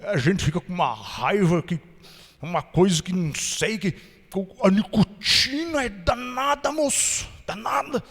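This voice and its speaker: A man voicing a shy, burly countryman from Minas Gerais, a former smoker who speaks slowly and hesitantly with a Minas Gerais accent. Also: sits high, expressive, fairly bright tone, husky, big-room sound, voice pushed down, exaggerated voice. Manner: slow, hesitant, mumbling.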